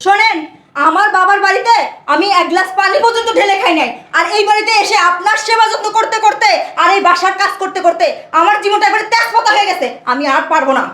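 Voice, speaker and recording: A woman's voice: very high-pitched, fast, bright, forceful tone, reverberant. An actress playing a spoiled, arrogant young wife who mocks and defies her in-laws in a short-film drama. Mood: scornful. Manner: mocking, defiant.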